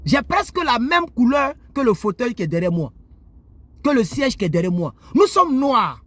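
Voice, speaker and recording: Guy ranting to his viewers from his armchair, high voice, swings up and down a lot, preachy. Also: normal speed, dry recording. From Côte d'Ivoire. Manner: animated, preachy, addresses viewers directly. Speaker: YouTuber. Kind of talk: moralizing monologue to camera. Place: indoors, seated in an armchair.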